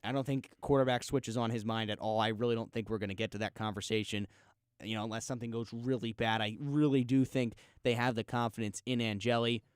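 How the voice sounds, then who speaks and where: A man hosting a casual sports radio show from a studio, telling listeners to calm down in an easygoing way. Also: medium pitch, fast, smooth, dry recording. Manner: laid-back, urging everyone to calm down. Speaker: radio sports talk host. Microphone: studio microphone.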